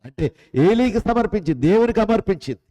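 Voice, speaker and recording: A man preaching a sermon as pastor. He asks many rhetorical questions and swings between loud, high lines and soft, low ones. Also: lively intonation, fast talker, poor audio.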